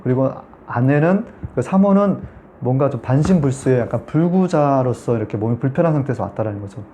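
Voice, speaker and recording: A man's voice: medium pitch, mellow, slight background noise. A man giving a Sunday sermon as pastor, telling a story and talking to the congregation in a conversational way.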